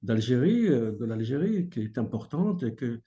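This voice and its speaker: A man's voice: medium pitch, very animated, moderate pace, warm tone. A man from Algeria speaking on a webinar panel, reflective and firm, with a touch of dry humor.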